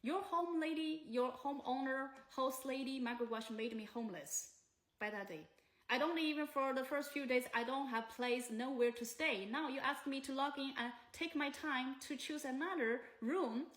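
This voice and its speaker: Woman with a Chinese accent, non-native English, fairly high voice, indignant personal account, roomy echo. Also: moderate pace. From China. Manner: indignant, agitated, broken English. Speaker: complainant telling her story.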